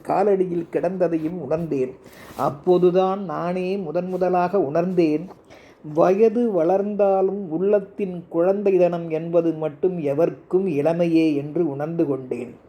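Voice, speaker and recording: A man's voice: high voice, dark tone. An older man telling a heartfelt first-person story as narrator.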